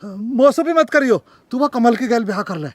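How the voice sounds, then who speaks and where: A man's voice: very high voice, expressive, brisk, no room sound. A young man, playing a heartbroken village lover who earnestly pleads with a girl in a comedy sketch. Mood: pleading. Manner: earnest, pleading, then confrontational.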